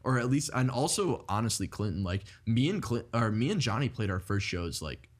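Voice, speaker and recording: A man's voice: mid-range voice, big pitch swings, brisk. A man in his twenties, a musician guest, talking casually and rambling with lots of fillers. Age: 20s. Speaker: band member guest. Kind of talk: casual interview chat.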